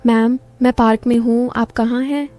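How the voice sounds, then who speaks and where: Woman reading a shy young male patient, hesitant and bashful, mellow tone. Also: on the high side, fairly even intonation, normal speed, lightly acted.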